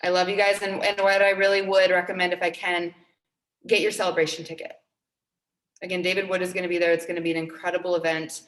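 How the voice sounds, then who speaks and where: A woman's voice: on the low side, flat delivery, fast, a bit bright, reverberant. A woman in her twenties giving a motivational talk to her team, earnest and upbeat, repeating key phrases for emphasis. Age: 20s. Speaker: team trainer.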